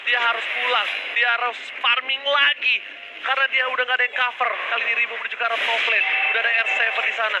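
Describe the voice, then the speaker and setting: A man with an Indonesian accent calling a game play-by-play like a fighting game announcer, urgent and excitable. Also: extremely high pitch, fast. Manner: excitable, urgent, shouted-out calls of kills. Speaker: esports match commentator. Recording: very noisy live broadcast feed.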